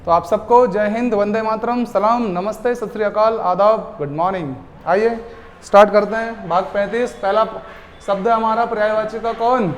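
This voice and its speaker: A man teaching a class in a lively lecture style. He keeps asking the students questions and then answers them himself. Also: high voice, moderate pace, a little hiss or hum. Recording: long hall reverb.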